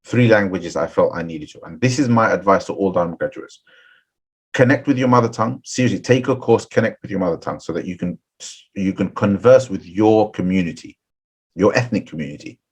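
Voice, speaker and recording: Speaking a little fast in a low, slightly rough voice, a seminary-trained middle-aged man of Bengali background addresses seminary graduates in a webinar over a computer mic. This Islamic scholar offers earnest advice full of restarts and repeated phrases, often asking "right?".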